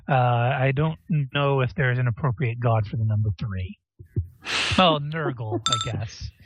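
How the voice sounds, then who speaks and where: A man running a tabletop game as game master, explaining rules and pausing to look them up. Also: medium pitch, a bit bright, breathy edge, dull audio. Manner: explains rules while looking them up, many pauses.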